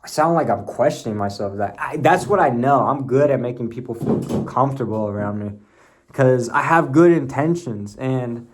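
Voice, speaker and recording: A young man rambles into his camera at home, telling a story in loose, slangy chat. He swears casually and drifts from one thought to the next. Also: a little high. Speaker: vlogger. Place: at home, bathroom nearby.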